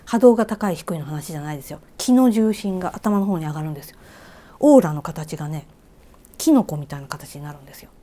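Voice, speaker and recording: Kansai-accented lady teaching reiki, lowish mellow voice, chatty, keeps asking you stuff, slips into whispers. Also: expressive, quick pace. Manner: chatty, asks the listener questions, drops into soft whispered asides. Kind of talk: casual spoken lesson to viewers.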